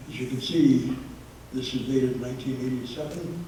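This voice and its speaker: At normal speed, a man with a mellow, medium-pitched voice delivers a public history talk to an audience, hesitating often with fillers, while a little hiss or hum runs underneath. He uses a handheld microphone that sometimes drops low, and the echoey meeting room is recorded from a distance.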